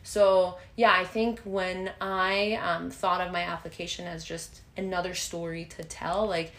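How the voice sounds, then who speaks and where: A woman's voice: fairly low pitch, little pitch movement, unhurried, fairly bright tone. A young woman co-hosting a podcast, chatting casually with lots of fillers. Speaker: podcast co-host. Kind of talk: casual chat. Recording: echoey room.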